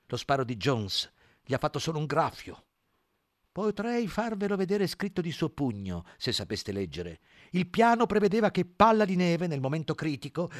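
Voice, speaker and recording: A man putting on a shrill, scheming pig propagandist. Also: dry recording, clean studio sound, close to an everyday voice. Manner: shrill, emphatic, wheedling preaching. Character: sly propagandist male pig, shrill and insistent.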